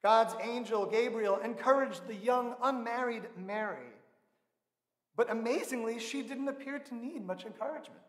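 A pastor in his thirties delivers a sermon at the pulpit, his voice sitting noticeably high for a man. He speaks in a measured, earnest way, slowing down to stress key words. The sound rings through a large sanctuary with a long, roomy reverb. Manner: measured, earnest preaching with slow emphatic stresses. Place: large church sanctuary, indoors. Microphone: pulpit microphone. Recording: echoey church with long reverb.

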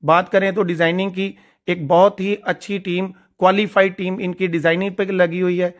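A man's voice: high-pitched, level tone, normal speed. A man narrating a casual vlog while touring a large factory floor, talking eagerly to his viewers. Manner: enthusiastic, addresses viewers as friends. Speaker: gun shop vlogger touring a factory.

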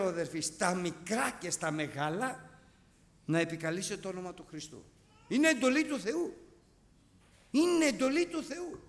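Animated Greek preacher in a reverberant hall. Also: male voice, very high voice. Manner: animated, storytelling with sound effects. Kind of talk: sermon.

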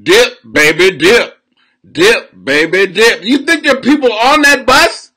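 Loud crude home live-streamer, high bright voice. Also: male voice, lively intonation, unhurried. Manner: loud, crude, laughs often, swings from shouting to mumbling. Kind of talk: rambling live-stream comedy rant. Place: small room at home, indoors. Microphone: webcam at desk.

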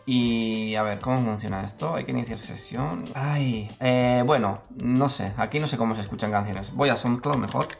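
A man's voice: medium pitch, creaky. Chatty man with faint music. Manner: chatty, self-interrupting, many "¿vale?". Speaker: tutorial youtuber. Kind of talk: casual screen-recorded tutorial.

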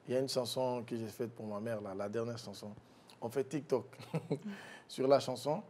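A guest relates a painful family story to an interviewer, his speech soft and hesitant and frequently restarted. When the grief gets heaviest his voice sinks low. There's a faint rumble underneath the audio.

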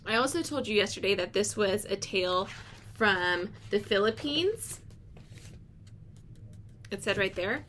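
Casting: young woman, elementary teacher doing a read-aloud, medium pitch, recorded on a device with room noise. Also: lively intonation, unhurried, pauses often, fairly bright tone. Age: young adult. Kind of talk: explaining and reading a picture book aloud to children. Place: small indoor room with block walls. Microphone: device microphone at arm's length.

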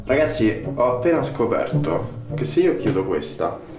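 A man's voice: medium pitch, very animated, normal speed, over music. A young man chatting casually to camera in a joking, talkative vlog style. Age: young adult. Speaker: vlogger and football commentator. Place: indoors in hotel rooms and offices. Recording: roomy indoor echo.

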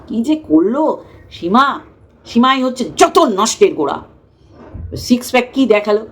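A woman's voice: fairly high pitch, big pitch swings, a little slow, husky. A woman giving a scornful, mocking commentary rant in a casual tone. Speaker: YouTube commentator.

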